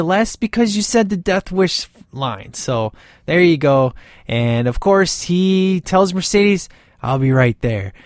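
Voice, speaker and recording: A man's voice: high voice, dry recording, studio quality. A man hosting a podcast, rambling enthusiastically through a casual movie review and talking straight to his listeners. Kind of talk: casual chatty monologue.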